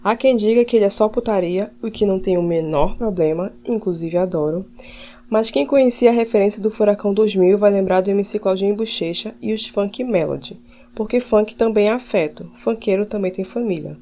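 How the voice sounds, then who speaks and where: A woman hosting a podcast delivers prepared remarks at a medium pitch. Her tone is warm and mellow, and her delivery is fluent and opinionated. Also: brisk. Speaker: podcast host. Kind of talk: prepared commentary and question.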